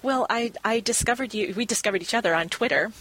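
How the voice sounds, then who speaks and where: A woman's voice: fairly high pitch, fast talker, a bit bright, low-quality recording. A woman hosting a podcast, reading a scripted introduction and then asking encouraging, slightly hesitant questions. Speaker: podcast host, coach.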